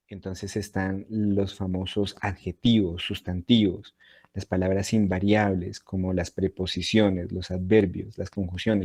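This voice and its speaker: A man's voice: fairly low pitch, darkish tone. A man teaching an online Latin class, explaining patiently and checking in with his students.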